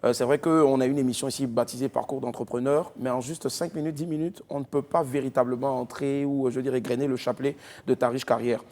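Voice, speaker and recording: A man hosting a TV talk show, introducing and interviewing a guest with lively, emphatic delivery and bursts of cheering. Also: medium pitch, fast talker, few pauses. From West Africa.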